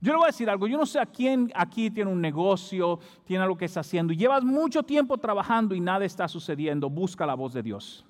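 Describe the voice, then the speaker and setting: A man's voice: high-pitched, animated, a little fast, hardly any pauses. A male pastor preaching a sermon in a church, building his delivery to emphatic peaks. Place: church hall. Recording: long hall reverb.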